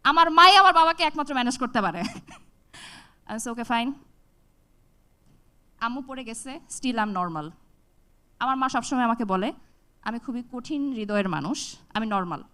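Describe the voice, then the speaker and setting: A young woman from Bangladesh giving a talk on stage, telling a personal story with lively acted-out dialogue. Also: a little high, measured pace, pauses often. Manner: animated, acts out dialogue with shifts in voice. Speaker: TEDx speaker.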